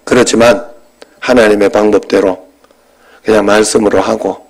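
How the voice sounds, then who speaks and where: Korean pastor telling a personal story. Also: male voice, lowish voice, steady tone, normal speed, poor audio. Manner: conversational storytelling, swings from loud bursts to quiet asides.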